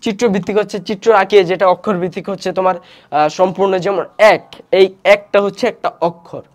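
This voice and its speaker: A man's voice: sits high, fairly even intonation, fast talker. A young man teaching an online history class, walking through slides and posing questions he then answers himself. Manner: explains slides step by step, asks and answers own questions; many fillers and restarts.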